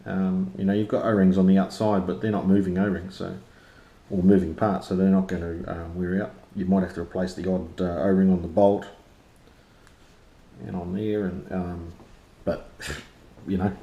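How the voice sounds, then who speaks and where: A man's voice: low-pitched, level tone, moderate pace, highs cut off. A man with a broad New Zealand accent giving a casual, unscripted product review in informal, slangy language. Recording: roomy, echoey sound.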